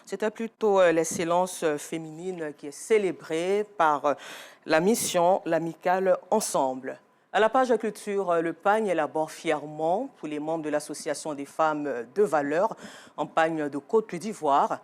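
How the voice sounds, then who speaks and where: Female news anchor, Ivorian French accent, steady read with hesitations. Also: low-pitched. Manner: measured, with frequent hesitations.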